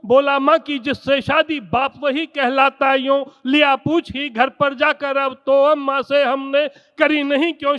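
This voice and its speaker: Man reciting breathless comic verse, very high-pitched. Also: bright, forceful tone, in a large hall, lo-fi sound. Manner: emphatic, theatrical, addressing the audience. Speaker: poet reciting on stage. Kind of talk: rhythmic Hindi comic poetry recitation.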